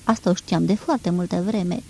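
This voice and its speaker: A woman reading an audiobook, voicing a tender, fearful young woman in love with a soft, pleading manner. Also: fairly low pitch, fairly even intonation, creaky, husky, rough recording.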